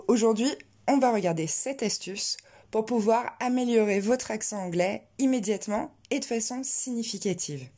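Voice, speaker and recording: A woman giving a pronunciation lesson, speaking clearly and deliberately and slowing down to model words for her students to repeat. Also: mid-range voice, warm tone. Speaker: English pronunciation teacher. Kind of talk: scripted online lesson.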